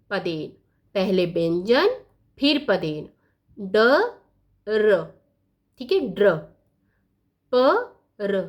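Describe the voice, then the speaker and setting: Slow, patient woman teaching grammar. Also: mid-range voice. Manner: patient, spells out sounds one by one. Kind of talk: slow blackboard lesson.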